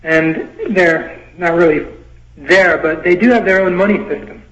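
A man calling in to a radio talk show on a speakerphone, speaking in a hesitant, halting way. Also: high-pitched, fairly bright tone. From Ithaca, New York. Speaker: caller. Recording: muffled speakerphone line.

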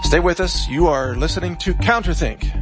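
A man narrating a scripted documentary in the grave, formal, measured manner of a news anchor. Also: a little high, over music. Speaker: documentary host.

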